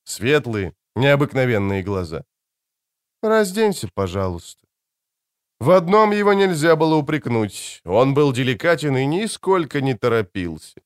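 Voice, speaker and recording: Expressive male audiobook narrator. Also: medium pitch, normal speed, few pauses, no echo, clean studio sound. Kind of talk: scripted narration.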